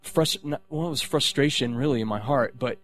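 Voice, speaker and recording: A man's voice: medium pitch, fairly quick, a bit bright, faint music behind. A man sharing a personal faith testimony, rambling, with many restarts and fillers.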